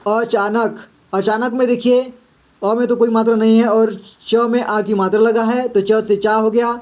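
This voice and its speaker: A man teaching a step-by-step reading lesson. He talks patiently, sounds out words slowly syllable by syllable, and checks in often with his students. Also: sits high, flat delivery, darkish tone. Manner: patient, slow syllable-by-syllable sounding out, frequent "ठीक है" check-ins.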